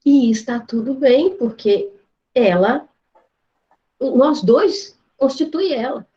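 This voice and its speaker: A woman, a therapist calmly explaining during a live therapy class. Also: sits high, slow pace, muffled recording.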